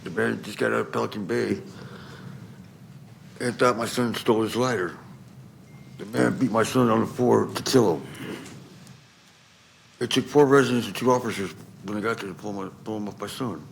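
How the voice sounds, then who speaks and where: A man's voice: on the low side, normal speed, vocal fry, long pauses, slight background noise, low-quality recording. A middle-aged man giving unscripted personal testimony as a commenter at a public meeting. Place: council chamber at public microphone.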